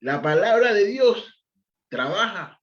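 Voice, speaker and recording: A man's voice: high voice, sing-song, slow, fairly bright tone. A man leading a Bible study, emphatic, repeating phrases and asking and answering his own questions. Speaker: Bible teacher. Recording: roomy, dull lo-fi sound.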